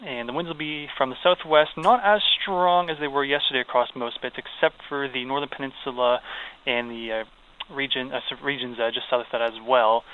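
A man's voice: medium pitch, steady tone, a little fast, clear, resonant tone. A man working as a weather forecaster, chatting informally and a little hesitantly over a tinny phone line. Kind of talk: casual live weather chat. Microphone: phone call.

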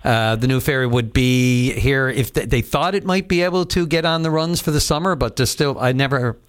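A man as a smooth call-in radio talk show host, easygoing and sprinkling in fillers, speaking from a studio. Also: mid-range voice, normal speed.

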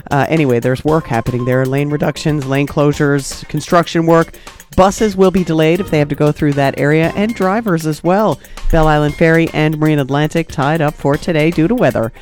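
Guy doing radio traffic, kinda high voice, chatty and off the cuff, faint music behind. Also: fairly quick. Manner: chatty, informal. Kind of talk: conversational live traffic report.

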